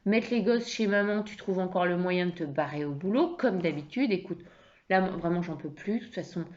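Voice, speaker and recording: A woman acts out a wife at the end of her patience who bursts out loudly and indignantly. Her voice has a gravelly grain, and the recording is a bit muffled and lo-fi. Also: fairly low pitch, expressive, quick pace. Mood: furious. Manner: loud, heated, indignant outbursts. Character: furious wife whose evening plans fell through.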